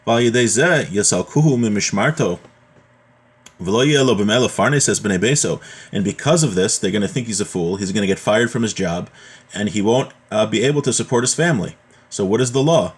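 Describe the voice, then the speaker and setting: Speaking fairly quickly in a low, animated voice with a breathy edge, a man teaches an informal religion class. He reads from a text and unpacks it point by point, posing rhetorical questions along the way.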